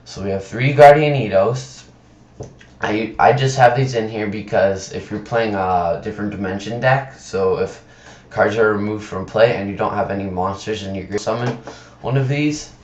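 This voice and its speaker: A man giving casual commentary on a screen recording, halting and stumbling over words, sick with a sore tongue and throat. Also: a little hiss or hum. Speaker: presenter of card game videos. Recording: dull, roomy low-fi computer mic.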